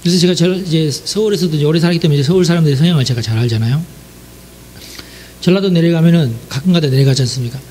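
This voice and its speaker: Man from Jeolla, sermon talk, chatty, fairly high voice, faint background noise. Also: fast, a little mellow. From Jeolla region, South Korea. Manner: chatty, addresses the audience directly, frequent affirming asides. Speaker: preacher. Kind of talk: conversational sermon lecture.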